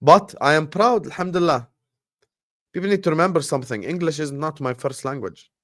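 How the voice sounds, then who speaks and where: During a livestream watchalong, a native Arabic-speaking host from Jordan, Arabic accent audible, keeps up lively casual banter and shout-outs to viewers. His voice is a little high and his pace a little fast.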